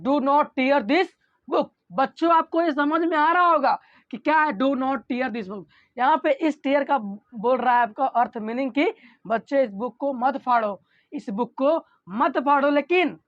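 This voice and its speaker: A male teacher giving an online grammar lesson. He keeps asking rhetorical questions, answers them himself, and reads example sentences out slowly. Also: extremely high pitch, a bit bright, no echo. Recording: dull lo-fi recording.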